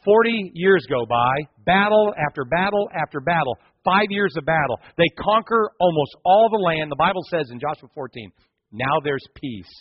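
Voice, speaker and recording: A man's voice: on the high side, animated, normal speed, hardly any pauses, no echo, highs cut off. A male pastor preaching a sermon, telling the story animatedly and speaking directly to the congregation.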